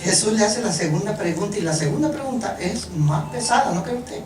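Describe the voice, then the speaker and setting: Animated preacher in an echoey church. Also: mid-range voice. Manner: animated, joking, halting restarts. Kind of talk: sermon. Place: church hall. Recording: echoey room from far off, music behind.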